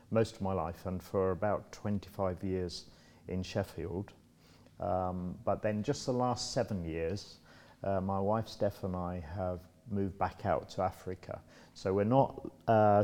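Born in the Democratic Republic of Congo, a man in his sixties answers interview questions casually and thoughtfully, with many restarts and fillers. His voice is deep and dark.

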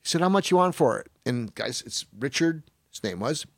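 A man's voice: medium pitch, animated, fairly quick, no room sound, studio quality. Rambling older man hosting a podcast. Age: 60s. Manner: rambling storyteller, swears freely, acts out quotes. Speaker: podcast host. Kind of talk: casual podcast chat.

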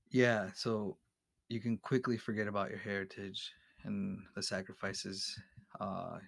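A male podcast guest with a somewhat low, fairly bright voice chats casually in an interview, candid and opinionated, hesitating with lots of fillers and restarts. The sound is studio quality with no echo.

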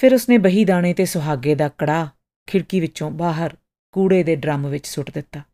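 A woman's voice: low voice, brisk. A woman narrating a short story expressively as an audiobook and podcast host. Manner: expressive, with rising questions.

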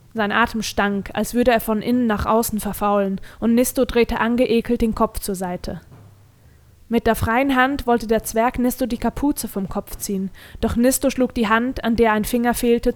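A woman narrating a fantasy novel in a calm, measured reading voice. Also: on the high side. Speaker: audiobook narrator.

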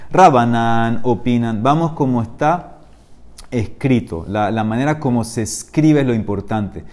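Expressive man teaching a Talmud class. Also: medium pitch. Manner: expressive, rising sharply to stress points; asks and answers his own questions. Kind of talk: lecture-style Talmud class.

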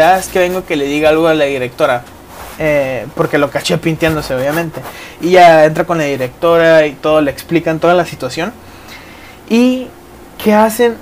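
A young man with a Mexican accent, hosting a solo podcast and telling a story in casual, slangy speech with lively quoted asides. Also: on the high side, slight background noise. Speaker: podcast host.

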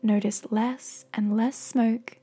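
A woman with a soft, breathy voice gently and slowly guiding a meditation in soothing, encouraging scripted narration. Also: a little high, flat delivery. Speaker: guided meditation host.

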